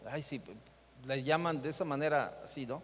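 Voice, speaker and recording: A man's voice: fairly high pitch, moderate pace, big-room sound. A man with a Mexican accent gives a church leadership talk, telling stories and asking rhetorical questions. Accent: Mexican Spanish. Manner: animated storytelling with rhetorical questions. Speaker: seminar speaker at a church. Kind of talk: preaching talk with anecdotes. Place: church meeting hall.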